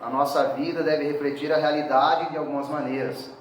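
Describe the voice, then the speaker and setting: Preacher in a very echoey hall. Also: male voice, fairly high pitch, level tone, fairly quick, a little hiss or hum. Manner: conversational, often adds tag questions. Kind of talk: sermon. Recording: very echoey hall, speaker far from mic.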